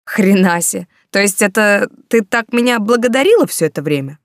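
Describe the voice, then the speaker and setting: A woman voicing a hot-tempered young man who argues loudly in blunt slangy speech, jilted by his lover. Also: mid-range voice, lively intonation, moderate pace, no echo, studio quality, lightly acted. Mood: bitter, shouting.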